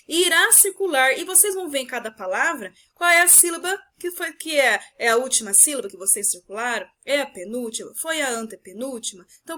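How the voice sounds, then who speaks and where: A Brazilian woman teacher with a Brazilian Portuguese accent, explaining a lesson to her pupils and drawing out words slowly to show their stressed syllables. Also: sits high, sharp tone. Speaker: primary school teacher. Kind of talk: recorded remote class explanation.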